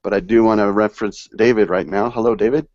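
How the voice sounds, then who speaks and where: A man's voice: on the low side, steady tone, quick pace, darkish tone, dry recording, lo-fi sound. A man hosting a live online panel discussion, reading passages aloud and stressing key words. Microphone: video call.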